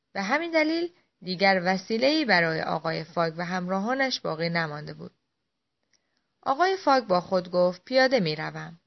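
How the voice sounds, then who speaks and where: Woman reading an audiobook, lively up-and-down voice, kinda dull lo-fi sound. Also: mid-range voice. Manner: clear, expressive storytelling. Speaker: narrator. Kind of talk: audiobook narration.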